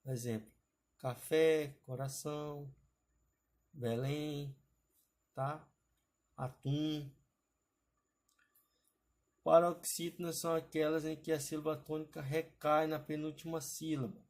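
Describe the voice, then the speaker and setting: A man walks through grammar rules in an exam-prep lesson. His voice sits a little higher than most men's. He keeps checking in with his listeners as he explains. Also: flat delivery, slow, pauses often, a little mellow. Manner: explanatory, adds frequent "tá, pessoal?" checks. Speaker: teacher.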